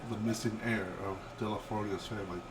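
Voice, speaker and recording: An older man voicing a playful, irreverent young noblewoman from a video game, lively and emphatic, over background noise. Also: lowish voice, quick pace, natural voice. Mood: matter-of-fact. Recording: steady background hum and noise.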